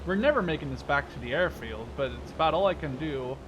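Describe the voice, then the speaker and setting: Over noisy game vehicle sounds, this twenty-something Canadian gaming host cracks self-deprecating jokes in slangy live play-by-play. His voice sits a little high and comes across animated and brisk, with the high frequencies cut off.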